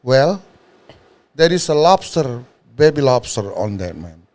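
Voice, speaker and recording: A man from Indonesia with an Indonesian accent, a food truck owner and guest chatting casually in halting, often restarted English and laughing a lot. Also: medium pitch, big pitch swings, darkish tone. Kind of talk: casual chat.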